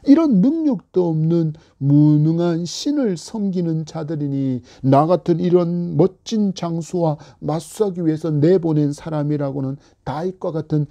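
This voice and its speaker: A male pastor giving an earnest, measured expository sermon. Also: fairly high pitch, warm tone. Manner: earnest, measured preaching with dramatic quoted voices.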